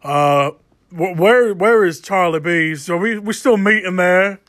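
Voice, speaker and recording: A man leaving a hesitant voicemail to return a call, stammering and filling pauses. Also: high-pitched, fairly bright tone, no echo, clean studio sound. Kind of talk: leaving a voicemail calling back.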